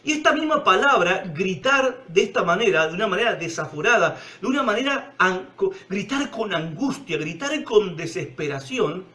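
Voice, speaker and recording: A man with a Rioplatense accent preaching a sermon, emphatic, swinging from loud cries to hushed low tones. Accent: Rioplatense Spanish.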